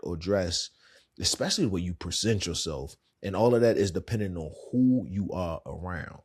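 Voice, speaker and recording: A man's voice: low voice, breathy edge. A man with a Washington DC accent, a podcast host and therapist, talking candidly and casually in a monologue. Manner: candid, conversational, colloquial.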